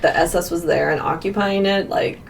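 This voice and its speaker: This woman's lowish, gravelly voice moves fairly quickly as she co-hosts a paranormal podcast. Her casual chat and storytelling ramble, with "like" dropped in again and again. The sound comes from a distant mic amid background noise.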